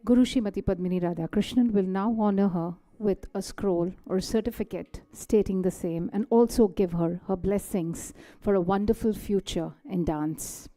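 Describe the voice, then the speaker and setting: A woman with an Indian English accent hosting a dance recital on a stage mic, brisk and chatty. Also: mid-range voice, warm tone. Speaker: compere. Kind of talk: event hosting. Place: hall stage.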